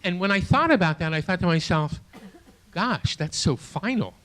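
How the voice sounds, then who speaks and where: Man, late sixties, stand-up comedian, slightly high voice, very animated pitch, halting self-mocking delivery, small theater, audience laughter. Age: 60s. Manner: halting, self-deprecating delivery with many restarts. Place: small theater stage before a live audience.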